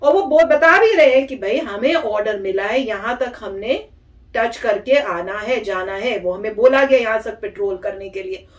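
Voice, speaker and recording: A woman vlogger giving casual, animated reaction commentary and imitating the people she is reacting to. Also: on the high side, normal speed. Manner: animated, mimics the soldiers' lines. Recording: echoey room.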